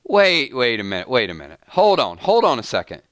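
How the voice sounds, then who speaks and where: A man hosts a fan channel live stream, reading chat and talking casually with viewers. His medium-pitched voice swoops wildly, fairly quick, a bit bright, with a clear, resonant tone and no room sound. He breaks off mid-sentence with "hold on" and "wait a minute."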